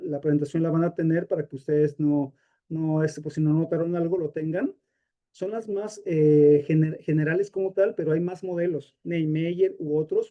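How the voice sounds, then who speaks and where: A man with a Mexican accent gives a live masterclass lecture, his voice deep-toned and soft yet sitting a little high. He explains in a conversational teaching manner, leaning on fillers and personal stories. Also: highs cut off. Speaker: grief workshop instructor.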